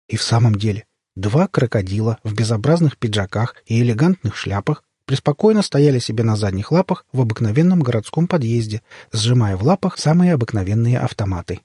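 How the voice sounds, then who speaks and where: A male narrator reads a comic story with a wry, expressive delivery. His voice is husky and mid-pitched, recorded dry and close with no room sound. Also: brisk, no echo. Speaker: audiobook narrator.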